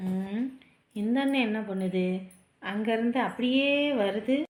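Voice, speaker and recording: A woman's voice: fairly high pitch, measured pace, a little mellow, roomy sound, close to an everyday voice. A woman playing a chatty, teasing younger sister who comforts her elder sister. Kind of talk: web series acting.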